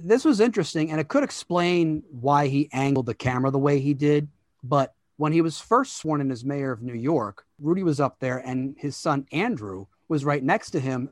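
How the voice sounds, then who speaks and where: A man's voice: medium pitch, no room sound, studio quality. A man hosting a podcast, joking wryly in casual chat. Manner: joking, wry. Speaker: podcast host.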